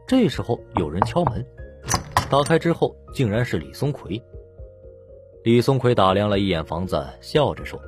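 Low-voiced male audiobook narrator. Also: normal speed, over music. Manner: steady storytelling, voicing the lead plainly.

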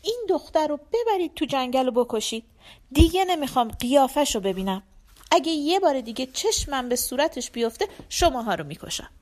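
A woman's voice: high-pitched, sing-song, a little mellow. A woman playing a stern, hot-tempered king. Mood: furious. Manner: stern, scolding.

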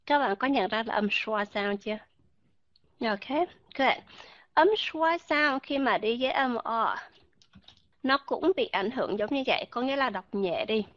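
A woman with a fairly high voice leads an online pronunciation lesson. She talks patiently and repeats example words slowly to show each sound. The recording is dry and a little dull and lo-fi. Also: lively intonation, a bit bright, no room sound. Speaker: pronunciation teacher.

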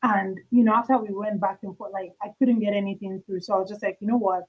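A woman's voice: mid-range voice, steady tone, fast, slightly rough, highs cut off. A young adult woman, a podcast guest, earnestly telling a personal faith story in conversation, acting out the dialogue as she recounts it.

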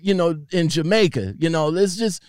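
A man's voice: a little high, darkish tone, no echo, clean studio sound. A man interviewing casually in slangy speech, often repeating his phrases as he gropes for the question. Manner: halting, repeats phrases over and over.

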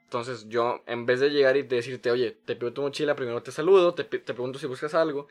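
A man's voice: mid-range voice, steady tone, fast. A young man with a Mexican accent co-hosting a casual chat, ranting heatedly and swearing a lot. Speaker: podcast co-host.

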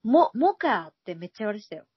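Young woman, easygoing chat co-host, bouncy pitch, dry close sound. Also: big pitch swings, slightly rough, no echo. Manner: easygoing, quick to agree. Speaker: podcast co-host. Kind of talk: casual chat. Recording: dull lo-fi recording.

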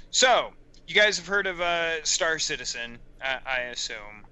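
Bright, loud-talking male podcast host. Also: fairly high pitch, slow pace. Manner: loud, profane, animated storytelling. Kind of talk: casual podcast chat.

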